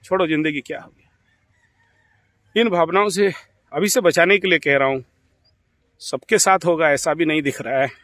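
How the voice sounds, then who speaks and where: A man giving an informal astrology talk in Hindi-accented speech, rambling and animated, laughing at his own stories. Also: a little high, normal speed, dry recording, clean studio sound. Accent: Indian Hindi.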